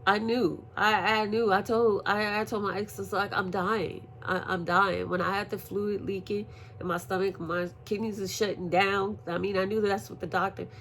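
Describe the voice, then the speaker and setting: A woman recovering from surgery, telling a story in a profane, animated casual vlog. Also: medium pitch, normal speed, a little hiss or hum. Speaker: vlogger. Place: at home, indoors.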